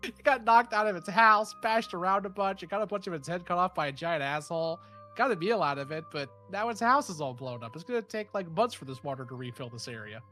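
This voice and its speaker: Over soft background music, a man with a high-sitting voice talks fast as he runs a tabletop game. A head cold leaves him sounding stuffy and nasal, and his game-mastering is relaxed and rambling, thick with fillers and swearing.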